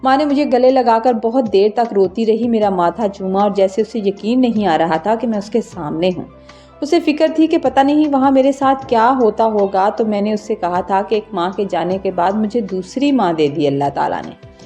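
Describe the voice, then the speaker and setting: Woman reading an emotional story, mellow warm voice, quiet music underneath. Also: medium pitch, animated. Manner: emotional, earnest. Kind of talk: scripted first-person narration.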